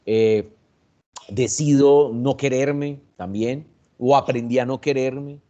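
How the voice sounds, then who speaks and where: A man with a Colombian accent, a psychologist explaining anxiety in a reflective, measured way, pausing and restarting as he thinks. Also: mid-range voice, steady tone, dark tone, dull audio. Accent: Colombian Spanish. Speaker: psychologist guest. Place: online video session.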